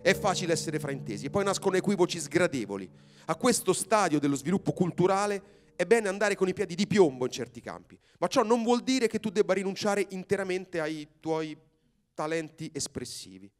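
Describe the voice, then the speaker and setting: A man reading as a calm, inventive ape-man father. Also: sits high, a little fast, pitched above the performer's own voice. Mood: reasoning. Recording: live stage reading with music.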